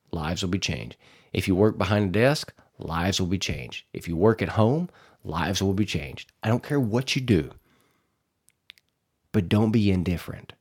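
Rambling folksy man with a lively voice. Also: fairly low pitch, husky. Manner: rambling, repeats words, folksy. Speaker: podcast host. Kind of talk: casual motivational monologue.

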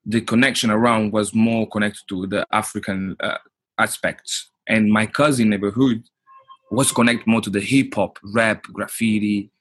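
A husky, fairly low male voice, recorded dry and close. He is in his thirties and talks in a relaxed, halting way, restarting sentences and filling gaps with "you know, like.". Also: no echo. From Portugal. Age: 30s. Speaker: guest. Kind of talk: casual interview.

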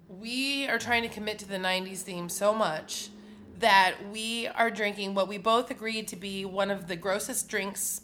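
A woman in her thirties co-hosting a podcast in casual chat, excitable and playful, swearing freely. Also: medium pitch. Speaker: podcast co-host.

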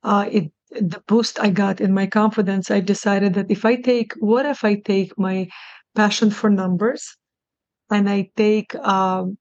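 Born in Russia and raised in New York, this middle-aged woman is a clinic CEO appearing as a guest on a casual podcast interview. Her voice is gravelly with vocal fry and stays in a narrow, even pitch. She speaks haltingly and earnestly, restarting sentences, and the dry recording sounds slightly dull, like a lo-fi line.

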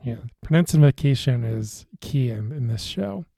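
A man co-hosting a podcast in casual beer-tasting chat, relaxed and hesitant, with many fillers and restarts. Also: medium pitch, measured pace, gravelly, dry recording, clean studio sound. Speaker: podcast co-host.

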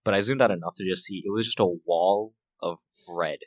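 A man's voice: sits low, brisk, no echo, lo-fi sound. A man co-hosting a podcast, telling a story in a laid-back way and laughing often. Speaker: podcast co-host. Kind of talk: casual chat.

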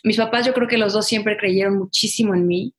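A woman's voice: medium pitch, brisk. A woman, a guest talking in a casual interview and acting out quotes as she tells her story. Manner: animated storyteller, acts out quotes. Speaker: guest, former pageant winner.

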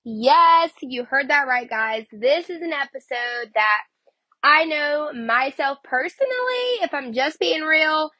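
A high, bright and forceful female voice, with no echo, belongs to the chatty host of a laid-back devotional podcast. She has a cold and sounds sniffly. The word "like" comes up constantly.

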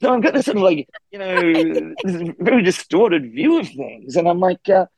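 A middle-aged Australian man, a guest historian and author, telling a casual story with lively acted-out quotes. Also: high-pitched, normal speed, vocal fry, a crowd in the background. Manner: animated, acts out quoted voices.

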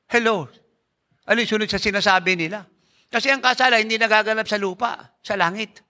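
A man's voice: sits high, a little fast, pushed and bright. A male pastor preaching a sermon emphatically, asking the congregation rhetorical questions and mixing in English phrases.

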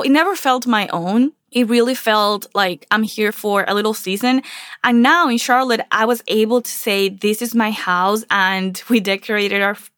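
An earnest Venezuelan woman hosts a casual solo podcast, telling stories in a reflective way. Her voice is medium-pitched with a fairly bright tone, recorded at studio quality with no echo.

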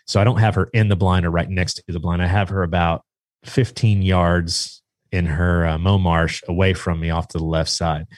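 A man with a very low voice tells a story in relaxed conversation. His telling rambles and picks up energy as he acts out what was said. The sound is dry and close, with no room around it. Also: moderate pace, no echo. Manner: rambling, animated retelling with acted-out quotes. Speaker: guest, duck hunter and dog trainer. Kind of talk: casual storytelling in a podcast chat.

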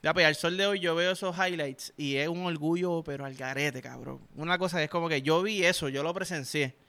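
An excitable young man with a Puerto Rican accent, reacting out loud to a track he hears through headphones. His voice sits fairly high and rings bright and forceful. He talks with heavy emphasis and swears constantly. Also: a little fast. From Puerto Rico. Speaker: music reactor. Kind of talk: reaction commentary. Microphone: headphones while listening.

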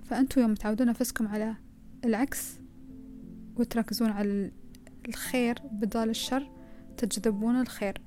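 A woman's voice: a little high, steady tone, a little fast, long pauses, darkish tone, faint music behind. A woman with a Gulf Arabic accent giving a conversational self-help talk, advising the listener and piling up rhetorical questions.

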